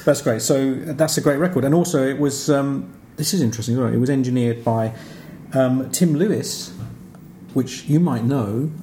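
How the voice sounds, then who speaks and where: A man's voice: mid-range voice, normal speed, warm tone, slight background noise. A man hosting a radio music show, chatting casually between records, chuckling and stumbling over names.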